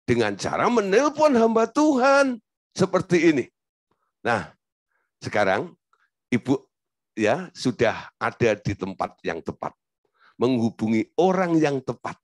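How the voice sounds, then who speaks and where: Casting: male pastor, animated and swooping pitch, storytelling sermon, dry close sound. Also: no room sound. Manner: storytelling, acts out quotes, asks rhetorical questions.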